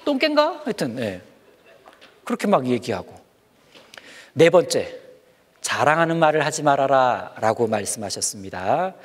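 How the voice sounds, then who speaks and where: A man giving a children's sermon, speaking in an animated way and asking the kids questions as he goes. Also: mid-range voice, moderate pace, long pauses, breathy edge. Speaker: children's preacher.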